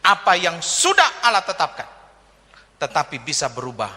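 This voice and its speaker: A man's voice: a little high, wildly swooping pitch, normal speed, sharp tone. A man, a pastor, preaching a humorous sermon, telling jokes and stories and acting out the people in them. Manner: joking, storytelling, acts out characters in quotes. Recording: long reverb of a hall.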